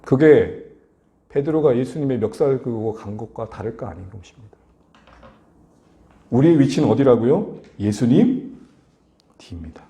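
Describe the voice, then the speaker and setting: A male pastor preaching a sermon, asking the congregation questions and building to animated emphasis. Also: mid-range voice, moderate pace, pauses often, roomy sound. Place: church sanctuary.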